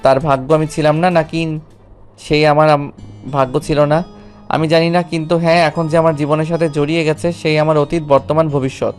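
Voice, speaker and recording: A man playing a calm, devout young husband with a measured, polite manner in an acted audio love story. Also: fairly high pitch, faint music behind, natural voice. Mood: earnest. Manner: measured, polite, formal address.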